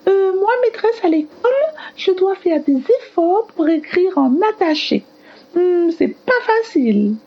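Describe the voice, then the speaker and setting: A woman playing an eager, earnest little schoolgirl with halting, childlike chatter in a scripted educational radio dialogue. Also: extremely high pitch, animated, dull audio, full character voice. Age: child character in primary school.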